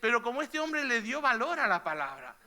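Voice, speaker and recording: Male pastor, very high, sharp, bright voice; chatty sermon full of "eh?" tags. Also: sing-song, fairly quick. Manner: conversational preaching, frequent "¿eh?" tags. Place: church hall.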